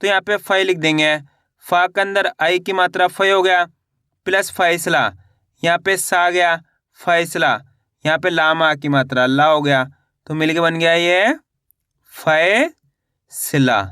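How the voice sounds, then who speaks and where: A man teaching Hindi spelling, slowly sounding out each syllable and repeatedly quizzing the listener. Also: a little high, steady tone, sharp tone, smooth, no echo, studio quality. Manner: slow, repetitive drilling with quiz questions.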